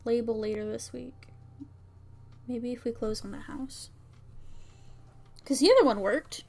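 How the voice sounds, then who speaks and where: A woman with a fairly high, gravelly voice and a darkish tone speaks a little slowly. She's a VTuber streamer and game maker on a casual livestream, thinking aloud, muttering, and reading out lines while testing her own visual novel.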